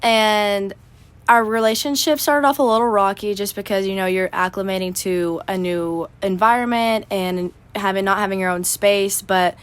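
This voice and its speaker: A woman's voice: medium pitch, smooth. A young college woman answering interview questions in a composed, articulate way. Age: young adult.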